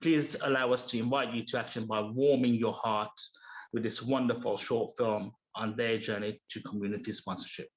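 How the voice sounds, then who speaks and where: A man speaking for his mosque community, giving a measured, read-out speech at a civic assembly. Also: lowish voice, steady tone, muffled recording. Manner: measured, read-out delivery with small restarts.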